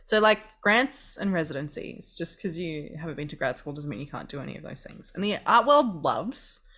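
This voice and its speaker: A woman's voice: low-pitched, animated, moderate pace, a bit bright, slightly rough. A woman co-hosting an art podcast, chatting casually with lots of laughter and swearing. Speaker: podcast co-host. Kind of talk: casual chat.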